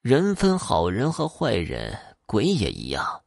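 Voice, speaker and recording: A man voicing an old woman ghost on a night bus, swinging between shrill shouts and slow, low coaxing. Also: wildly swooping pitch, gravelly, no echo, clean studio sound, exaggerated voice. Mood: gentle.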